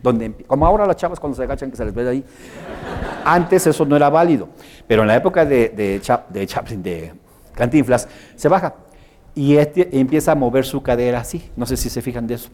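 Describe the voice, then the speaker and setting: Mexican man teaching a lively workshop. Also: mid-range voice, a little fast. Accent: Mexican Spanish. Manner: animated, joking, acts out examples. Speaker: workshop instructor. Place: workshop room with a live audience.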